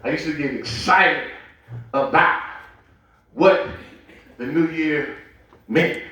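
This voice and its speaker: A man with a Southern US accent preaching a sermon with call-and-response, slowing down and shouting for emphasis. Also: fairly high pitch. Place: large echoey church sanctuary. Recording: echoey church hall from far off.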